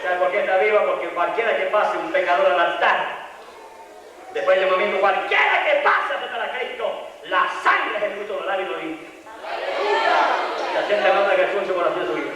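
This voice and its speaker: A man preaching a fervent sermon, breaking into shouted hallelujahs and then dropping to low, slow passages. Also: dull audio, heavy background noise. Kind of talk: fervent Pentecostal-style sermon. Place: large church hall. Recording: echoey hall, mic far off, faint congregation.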